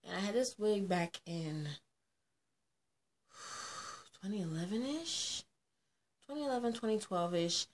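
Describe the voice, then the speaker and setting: A woman's voice: mid-range voice, slow pace, pauses often, slight background noise. A young woman vlogging in a sassy, playful way, talking straight to her viewers. She laughs often between remarks and keeps things loose and chatty. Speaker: beauty vlogger. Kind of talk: casual chatty vlog.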